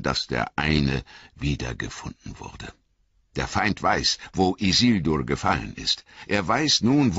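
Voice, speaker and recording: A man's voice: low-pitched, fairly bright tone, slightly rough, dry recording, full character voice. Gandalf, a man voicing a grave old wizard. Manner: grave, measured, emphatic repetition. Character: old wise male wizard, grave and patient. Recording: dull lo-fi audiobook recording.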